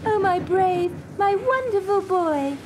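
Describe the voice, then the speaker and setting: A woman's voice: extremely high pitch, expressive, slow pace, exaggerated voice. Madeline, a swooning, gushing English girl. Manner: breathy, swooning and melodramatic. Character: gushing, sentimental young woman. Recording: loud railway station noise behind.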